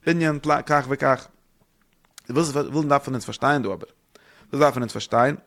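A man giving a spoken religious lesson, rambling quickly and posing rhetorical questions to his listeners. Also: mid-range voice, a bit bright. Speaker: religious teacher.

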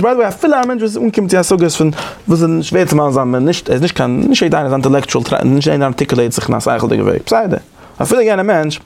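A man whose voice is a bit high and has vocal fry leads a discussion in an informal study-group lecture. He talks in fits and starts, often repeating words, and gets animated and emphatic.

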